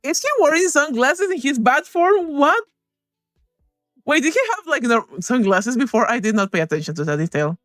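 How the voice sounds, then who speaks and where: An excitable woman streams a game, giggling and swearing as she reacts, her voice high and bouncing all over the place. The mic is dry and close, with faint game music behind her. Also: normal speed, no echo. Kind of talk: gaming stream commentary.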